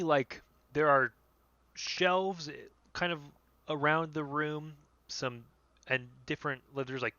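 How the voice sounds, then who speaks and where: A man narrating a tabletop game as game master, loose and descriptive with a bright, forceful tone. His voice is close and dry on slightly dull podcast audio. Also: mid-range voice, no room sound.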